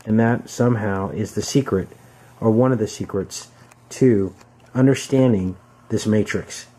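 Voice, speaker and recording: This conspiracy-video host talks his audience through film clips in an earnest, explanatory way. His fairly low voice is slightly rough and a little slow, set against loud background music.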